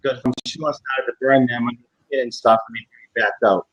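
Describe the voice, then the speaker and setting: A man with a heavy Boston accent giving a halting, informal account of an incident over an internet call. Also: mid-range voice, steady tone, a bit bright, rough recording. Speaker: guest responder. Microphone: internet video call.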